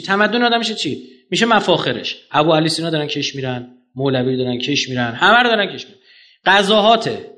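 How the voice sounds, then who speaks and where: High-voiced guy lecturing a crowd, punchy, keeps throwing questions at them. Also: a bit bright. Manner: emphatic, rhetorical questions, sweeping pitch swings. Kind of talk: lecture to an audience.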